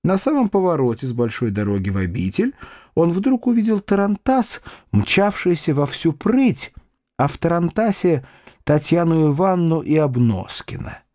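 A man narrating classic fiction in an expressive literary reading. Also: on the high side, moderate pace, no echo, studio quality. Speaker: audiobook reader.

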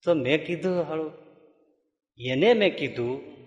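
Monk preaching in an echoey hall. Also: male voice, on the high side, unhurried, dull audio. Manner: lively storyteller, chuckling through funny anecdotes. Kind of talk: sermon with folksy storytelling.

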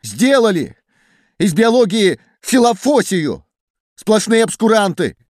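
An indignant male geneticist, voiced by a male audiobook reader, hurls his words in a high, animated voice. He sounds heated and declamatory, rising toward shouts, recorded close and dry. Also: slow pace, no echo, full character voice. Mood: defiant. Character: agitated male geneticist defying a meeting. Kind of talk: audiobook character voice.

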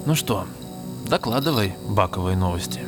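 An actor playing a brisk, practical and suspicious male security officer giving orders in a naturalistic drama. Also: lowish voice, animated, loud music behind the voice, natural voice. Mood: dry.

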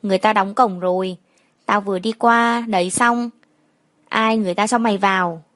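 A woman voicing a domineering middle-aged village father who speaks gruffly and gives orders. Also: mid-range voice, steady tone, moderate pace, fairly bright tone, close to an everyday voice. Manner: gruff, commanding.

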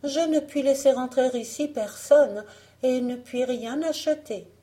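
A woman doing a gentle, wary young princess. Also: sits high, unhurried, pitched above the performer's own voice. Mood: wary, polite.

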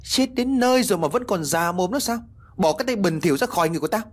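A man voicing a cruel, greedy old village lord who shouts harshly. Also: sits high, animated, fast, pitched above the performer's own voice. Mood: furious.

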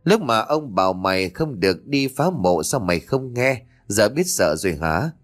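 A man's voice: on the low side, big pitch swings, moderate pace. A man voicing a stern old village elder. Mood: scolding. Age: older. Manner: grave, scolding grandfatherly tone.

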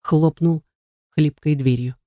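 A woman's voice: low-pitched, steady tone, takes it slowly, dark tone, dry recording, clean studio sound. Woman reading a dramatic romance story. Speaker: audiobook narrator. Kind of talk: first-person romance novel reading.

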